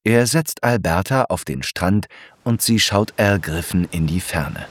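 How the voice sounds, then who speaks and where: Male narrator for a children's book, low, slow and measured. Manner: calm, measured storytelling. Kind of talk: children's story reading.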